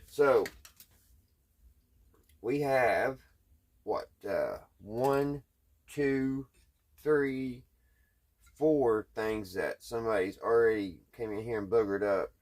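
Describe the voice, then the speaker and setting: A Southern man who vlogs about restoring radios speaks slowly in a mid-range, slightly mellow voice, pausing often. His hands-on repair commentary is folksy and hesitant, like he's thinking aloud.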